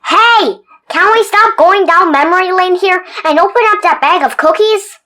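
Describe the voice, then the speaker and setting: A woman voicing a loud, demanding male sweet tooth that wisecracks and nags for sweets. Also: very high voice, normal speed, voice pushed up. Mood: pushy. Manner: brash, wisecracking, nagging.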